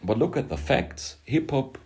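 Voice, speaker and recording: A man from Austria with an Austrian German accent, a German speaker, making an emphatic vlog monologue about hip-hop, halting with self-deprecating asides. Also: medium pitch, expressive, a little mellow. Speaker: music producer and rapper.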